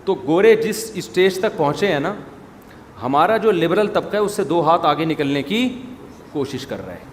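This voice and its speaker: A man's voice: a little high, lively intonation. A man giving a chatty, scolding Friday sermon in a mosque hall, drifting into asides and growing more emphatic. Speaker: Islamic preacher. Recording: long hall reverb, faint background noise.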